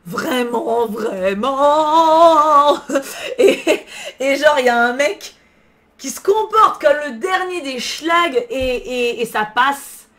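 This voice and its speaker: Slangy, higher-voiced woman book streamer. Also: expressive, takes it slowly, a bit bright. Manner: slangy, swears freely, answers chat messages. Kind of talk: casual live-stream chat.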